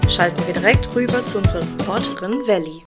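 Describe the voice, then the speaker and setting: A woman's voice: on the low side, quick pace. Woman announcing a podcast over music. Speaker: podcast host. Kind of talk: scripted podcast intro. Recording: loud music bed under voice.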